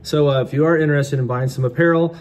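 This middle-aged American man works as an auctioneer and vlog host, chatting casually about each lot as he sells it. His voice sits a bit high and is steady, fast, and somewhat mellow. Background noise is clearly audible in the recording.

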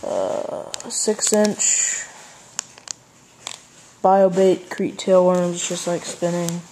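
A teenage boy hosting a casual fishing unboxing vlog at home, talking in a halting way with lots of fillers as he handles each item, filmed on a handheld camera. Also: on the high side, very noisy. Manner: halting, unhurried, many fillers while handling items. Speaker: fishing channel host. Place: indoors at home, wooden floor with red rug. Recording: loud crinkling of plastic packaging. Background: bag crumpling and clicks.

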